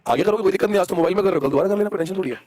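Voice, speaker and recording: A man's voice: sits high, very fast, a little mellow, no room sound. A young man with an Indian accent teaching a live online English class, coaxing students and spelling words out letter by letter.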